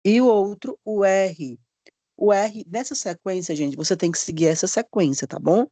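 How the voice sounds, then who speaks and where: A man's voice: sits high, dark tone, no room sound. Friendly man teaching letter sounds. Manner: drawn-out demonstrations of letter sounds; frequent checking tag questions. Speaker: literacy course instructor. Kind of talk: live online teacher training lesson.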